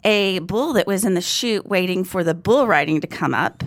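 Animated woman telling stories. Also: fairly low pitch, normal speed, no room sound. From Fort Worth, Texas. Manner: animated storyteller, exclaims and laughs often. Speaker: podcast co-host. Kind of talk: casual chat and read sponsor ads.

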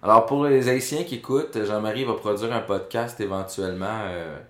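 A man's voice: lowish voice, a little fast. A man with a Québécois accent hosting a podcast in an easygoing tone, steering the conversation. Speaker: podcast host. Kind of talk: casual podcast chat. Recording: roomy echoey room.

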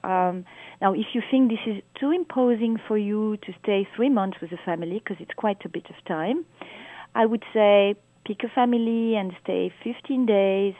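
A woman's voice: medium pitch, normal speed, dry recording. Give me a woman giving advice through a clipped, tinny phone line. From south of France. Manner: chatty, gives advice with many fillers. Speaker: tour guide.

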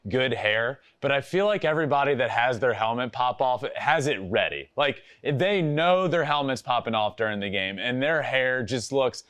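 A man hosting a casual interview, animated and acting out the quotes he retells. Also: medium pitch, normal speed, hardly any pauses, smooth, no echo. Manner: animated, acts out quotes in put-on voices. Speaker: podcast host.

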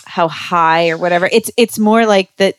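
Woman, host, relaxed chatty tone, dry studio sound. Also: fairly low pitch, normal speed, clean tone, no room sound. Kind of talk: casual podcast chat.

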